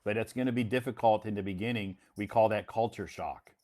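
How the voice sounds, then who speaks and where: Speaking briskly, a relaxed American English teacher hosts a casual conversation lesson in a low, reassuring voice. He tends to repeat himself a lot.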